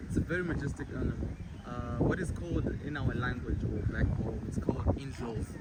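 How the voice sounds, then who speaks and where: A man from Zimbabwe, a bead artist, talking haltingly in a casual interview outdoors at a zoo. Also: medium pitch. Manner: halting, many fillers. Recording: loud outdoor background noise.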